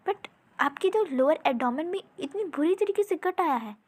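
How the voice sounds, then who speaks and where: A woman's voice: high voice, expressive, normal speed, darkish tone. Woman voicing an anxious court healer. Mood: worried. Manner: worried, insistent.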